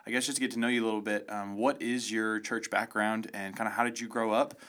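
A man's voice: lowish voice, level tone, fast talker, a bit bright. A man co-hosting a podcast in a casual, informal, joking way. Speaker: podcast co-host.

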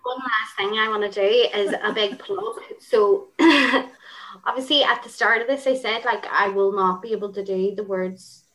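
A woman's voice: medium pitch, fairly even intonation, moderate pace, a bit bright, low-quality recording. A woman, presenting her children's rights work on a panel in a chatty, enthusiastic way, full of "like" fillers. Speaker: children's rights project worker.

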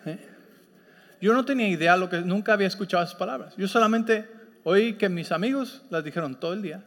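High-voiced pastor in a reverberant hall. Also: male voice, fast, a bit bright. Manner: conversational storytelling with frequent check-ins. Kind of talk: sermon. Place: church sanctuary. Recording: long reverb of a large hall.

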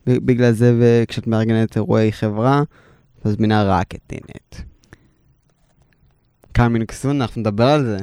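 A man's voice: on the low side, steady tone, long pauses, darkish tone, clear, resonant tone, dry recording, studio quality. A man co-hosting a casual podcast who teases his partner and explains with long examples. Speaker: podcast co-host.

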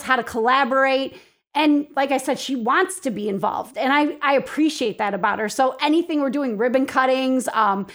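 A high-voiced woman, president of a local organization, is a guest in a casual interview. She answers enthusiastically and informally.

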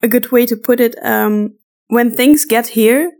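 This woman, a native Dutch speaker from Flanders, Belgium, has a Flemish accent and a somewhat high, darkish voice that moves a little slowly. She hosts a podcast and voices audio dramas, and here she answers listener questions in a casual, self-deprecating chat.

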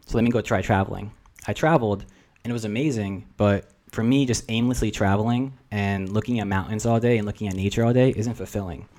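A man in his twenties from New Jersey, a native Russian speaker, chats casually as a podcast guest. His lowish, darkish voice moves at a quick pace, and he rambles reflectively with plenty of fillers.

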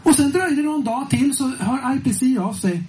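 Animated Swedish-speaking preacher telling a story. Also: male voice, very high-pitched, background noise. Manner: animated, swings between hushed and loud, chuckling. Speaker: preacher and singer. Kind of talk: storytelling testimony to a congregation.

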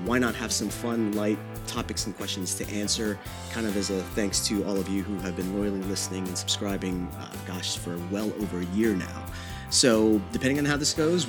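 Filipino-born man hosting his podcast. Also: fairly low pitch. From Philippines. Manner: conversational, many fillers and restarts. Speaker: podcast host. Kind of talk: solo podcast Q&A.

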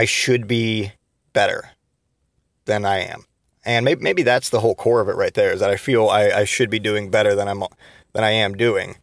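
A man's voice: mid-range voice, dry recording, clean studio sound. Frustrated man in his thirties venting. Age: 30s. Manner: frustrated venting with frequent restarts and swearing. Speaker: podcast host. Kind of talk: solo podcast monologue.

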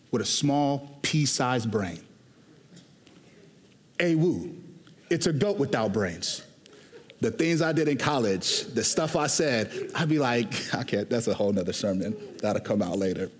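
Delivering a sermon with a mid-range voice, this Houston, Texas pastor keeps things conversational and lively, alternating rapid asides with slow, forceful statements. The sound carries a long hall reverb.

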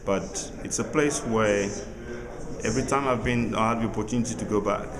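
A man from Côte d'Ivoire giving a solemn, inspirational testimonial in measured, rhetorical phrases. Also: fairly low pitch, rough recording. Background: crowd chatter.

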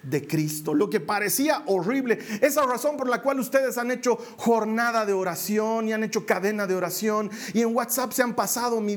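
Give me a preacher acting out a joyful, defiant prisoner apostle in a high, lively voice. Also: male voice. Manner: exuberant, rhetorical, speaking in first person as the prisoner. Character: apostle Paul, chained prisoner, joyful and bold. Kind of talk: sermon role-play.

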